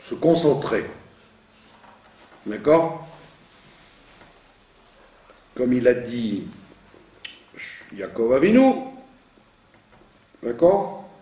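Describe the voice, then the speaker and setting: A man's voice: medium pitch, very animated, drawn-out words, pauses often, warm tone. A man teaching the reading of Hebrew prayer, patiently explaining and often checking that he has been understood. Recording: echoey room, from a distance.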